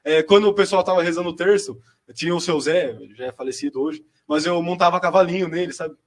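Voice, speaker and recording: A young man, telling his personal testimony in a chatty, slangy way as a seminarian guest. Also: fairly high pitch. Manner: chatty, slangy storyteller, quick and lively. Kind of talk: personal testimony in casual chat.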